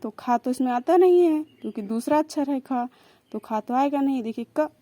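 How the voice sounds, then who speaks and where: Patient woman teacher, mellow voice. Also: sits high, animated, dry recording. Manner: repeats and spells out sounds slowly, explaining patiently. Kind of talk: exam-prep lesson explaining consonants.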